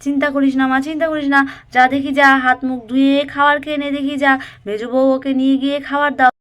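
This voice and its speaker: Casting: woman doing an older matriarch for a doll story, soothing and motherly, fairly high voice. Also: level tone, quick pace, fairly bright tone. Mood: consoling. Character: elderly mother-in-law, caring matriarch.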